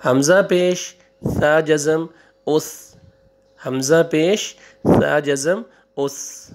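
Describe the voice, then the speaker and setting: Man drilling syllables in a slow lesson. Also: a little high, a little hiss or hum. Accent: Pakistani Urdu. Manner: slow, drawn-out drilling of syllables with quick asides. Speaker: Quran teacher. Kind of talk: online recitation lesson.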